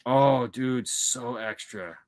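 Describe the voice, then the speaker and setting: A man's voice: medium pitch, slow. A man from Michigan co-hosting a casual movie chat, rambling and joking with lots of repeated words. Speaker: podcast co-host.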